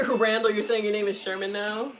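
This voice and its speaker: A young woman talks straight to her livestream audience in a loose, unfiltered way, cursing freely and breaking into giggles. Her voice sits at an ordinary middle pitch. Soft guitar music plays faintly underneath. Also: steady tone, a little fast, poor audio. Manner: candid, swears a lot, giggles often. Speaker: streamer answering viewer chat. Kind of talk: casual livestream chat.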